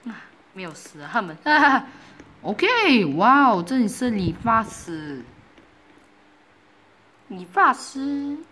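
A woman gives casual commentary while she plays a game. She giggles often and breaks into excited exclamations. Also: on the high side, slow, long pauses. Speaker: gaming YouTuber.

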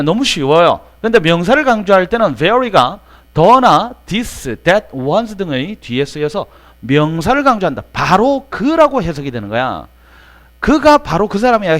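A man's voice: high-pitched, fairly bright tone. A man teaching an English grammar lesson to students, in casual speech that keeps checking they follow. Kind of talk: lecture.

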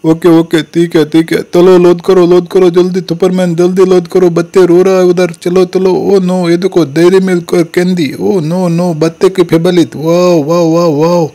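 A man narrates toy play in a childlike, lisping manner, repeating short calls again and again. His voice sits high but stays flat in its melody, with a dark, mellow tone. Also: normal speed, hardly any pauses. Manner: repeats "look, look" and "come on" constantly, childlike lisping speech.

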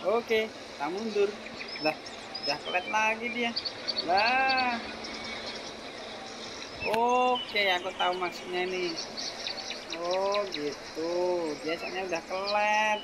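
Gaming host, casual gameplay commentary, excitable, exclaims and laughs, slow easygoing delivery, loud background noise, birds chirping. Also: medium pitch.

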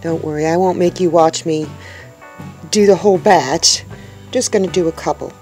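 Indoors in her cramped tiny-house kitchen, a woman films a homestead vlog and shows a recipe step by step, chatting to viewers like folks she knows. She sounds upbeat, with a lowish, slightly mellow voice at a moderate pace over faint background music.

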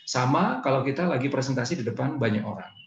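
A man giving a relaxed, conversational public speaking lesson, now and then showing how intonation changes a line. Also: medium pitch, fast talker, reverberant, dull audio. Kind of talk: training session talk.

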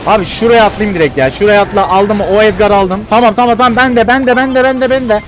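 A young man doing excited, slangy gaming commentary, shouting and repeating himself. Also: high voice, fast. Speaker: gaming YouTuber. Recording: faint music behind.

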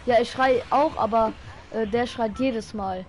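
A woman's voice: fairly high pitch, a little slow, a little mellow. A woman playing a shooter game as a teammate, insistent and bossy with her instructions in casual chat. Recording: noisy stream audio.

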